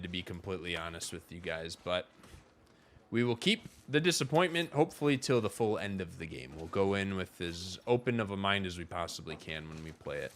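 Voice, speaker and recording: Frank streamer man, bright forceful voice. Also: low voice. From Wisconsin. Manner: rambling, frank, talks to chat. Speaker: livestreamer. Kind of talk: casual gaming livestream chat.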